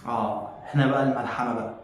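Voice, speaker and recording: Fast-talking sarcastic Egyptian man. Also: mid-range voice, fairly even intonation, faint music behind. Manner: mocking, sarcastic, laughs at the clip. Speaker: reaction video host. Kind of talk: casual reaction commentary. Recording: very echoey room, faint noise.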